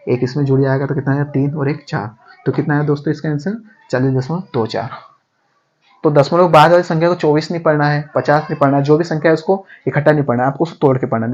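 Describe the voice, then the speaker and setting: A man's voice: medium pitch, a little mellow, breathy edge. A man teaching maths in a casual step-by-step lesson, calling viewers friends and asking rhetorical questions as he goes. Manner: addresses viewers as friends, repeats steps, asks rhetorical questions. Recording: dull lo-fi sound.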